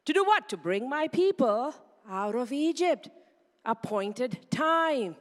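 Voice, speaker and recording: A woman preaching a sermon in a church, animated and firing rhetorical questions she answers herself. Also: high voice, slow pace. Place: church sanctuary. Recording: reverberant church hall sound.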